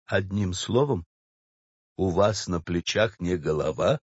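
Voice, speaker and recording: A man doing a gruff, low-voiced bank clerk. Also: slow pace, no echo, dull audio, full character voice. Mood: gruff seething. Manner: gruff, seething, muttering low. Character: irritable male bank clerk with a bass voice.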